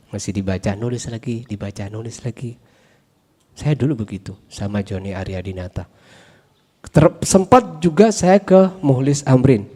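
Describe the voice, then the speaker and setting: A man's voice: medium pitch, mellow. A man giving a lecture-style talk at a literature discussion, emphatic and rhetorical, often repeating short phrases for effect. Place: campus hall. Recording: long hall reverb.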